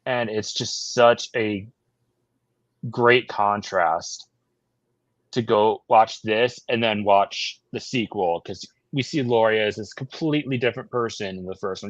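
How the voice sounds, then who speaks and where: Thoughtful, lower-voiced man in casual chat. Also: no room sound. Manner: thoughtful, explanatory. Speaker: podcast co-host. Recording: dull lo-fi sound.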